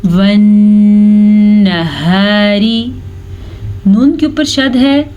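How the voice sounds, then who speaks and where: Female tajweed teacher, warm low-key tone, chants slowly then explains briskly. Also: lo-fi sound, faint music behind. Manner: alternates slow drawn-out chanted recitation with brisk spoken explanation. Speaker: Quran recitation teacher. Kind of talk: tajweed lesson, explaining and demonstrating recitation.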